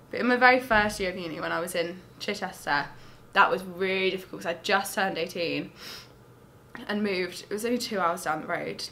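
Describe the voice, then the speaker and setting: Woman in her twenties: bright, lowish voice that trails off, with faint background ambience. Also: slight background noise. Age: 20s. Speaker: student interviewee. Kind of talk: casual interview answers.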